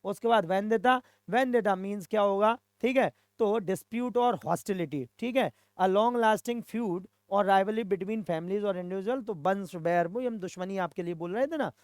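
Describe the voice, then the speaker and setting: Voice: medium pitch, unhurried, hardly any pauses, dry recording. Teacher quizzing students, dry sound. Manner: mixes Hindi and English, asks and answers own questions; repeats "okay" to check in with students. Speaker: English vocabulary teacher. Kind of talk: recorded exam-prep lesson.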